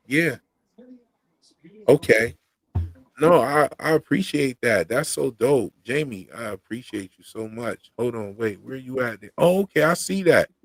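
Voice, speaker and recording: A man with a medium-pitched voice and no echo on the audio hosts a livestream for his own YouTube channel. He talks casually with slang and a loose rhythm, mentioning that he used to stutter heavily.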